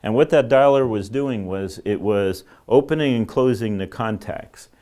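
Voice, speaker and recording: Low-voiced man teaching telecom. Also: normal speed. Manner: relaxed, rambling, many fillers and restarts. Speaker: telecom instructor. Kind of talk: informal classroom lecture.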